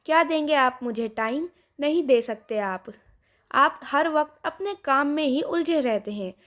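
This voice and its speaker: A woman's voice: sits high, lively intonation, a little slow, a bit bright. A woman voicing a defiant rich daughter. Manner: defiant, complaining.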